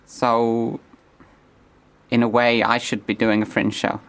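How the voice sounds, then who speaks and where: A man speaking as a comedy guest in a halting, hesitant, deadpan manner. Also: medium pitch, clear, resonant tone. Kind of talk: deadpan character comedy interview.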